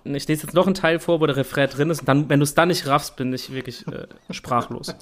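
A man's voice: on the high side, steady tone. A young man co-hosting a podcast, reading lines aloud and teasing his friend in casual game banter. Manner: playful, teasing, quick talker. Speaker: podcast co-host.

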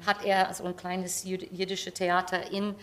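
Bright-voiced American woman, lowish pitch. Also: monotone, unhurried. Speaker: stage performer interviewed about a production. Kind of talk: casual anecdotal interview talk.

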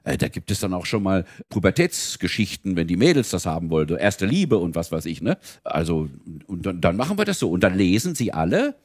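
A man's voice: low voice, a little fast, few pauses, breathy edge. An older man, a retired volunteer reader for children, talking casually in an interview and slipping into character voices as he tells stories. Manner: animated storyteller, slips into character voices.

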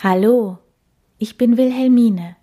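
A woman voicing a kind female whale in a storybook, with a warm and gentle voice. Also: on the high side, slow pace, pitched above the performer's own voice.

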